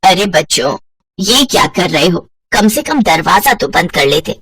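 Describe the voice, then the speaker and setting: Woman doing a sweet mother-in-law, soft lower voice, bit husky. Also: sing-song, unhurried, no room sound, exaggerated voice. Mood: teasing. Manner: soft, soothing, affectionate. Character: kind, loving middle-aged mother-in-law.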